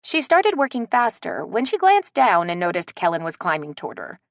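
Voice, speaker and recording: A woman narrating a romance audiobook in an expressive, measured way. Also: on the low side, vocal fry, no room sound. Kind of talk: scripted narration. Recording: dry, slightly dull studio.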